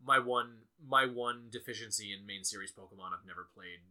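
A man's voice: lowish voice, brisk, a crowd in the background. A young adult man chatting casually as a podcast co-host, reflective and often restarting his sentences. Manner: reflective, self-correcting, frequent restarts. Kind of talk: casual chat about video games.

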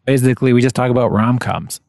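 Man, medium pitch, casual joking banter, podcast co-host, outdoor backyard, dry sound. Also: fast, gravelly, a little mellow, no echo. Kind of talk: casual chat.

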